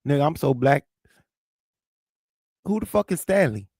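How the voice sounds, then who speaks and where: The speaker is a male livestream host with a lisp and a St. Louis, American South Midwest accent, cursing and clashing with commenters in a heated rant. His fairly high voice moves in big pitch swings at a measured pace, a little mellow, with no room sound.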